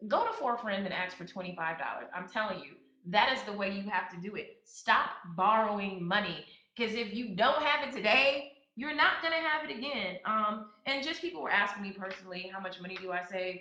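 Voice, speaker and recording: A woman's voice: medium pitch, brisk, sharp tone. A woman in her thirties hosting a podcast, talking casually with fillers and restarts and turning emphatic when she gives advice. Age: 30s. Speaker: podcast host. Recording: echoey, slightly dull sound.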